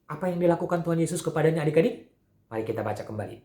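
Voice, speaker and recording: A man teaching Sunday school, telling a Bible story to children in an animated way, with frequent fillers, acting out the characters' lines. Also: fairly high pitch, very fast. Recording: echoey room.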